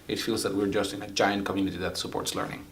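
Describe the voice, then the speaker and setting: A man's voice: low-pitched, little pitch movement, quick pace. A young man from Venezuela, a Spanish speaker, answering interview questions as an international student in a chatty way, full of "like" fillers. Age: young adult. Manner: talkative, many "like" fillers.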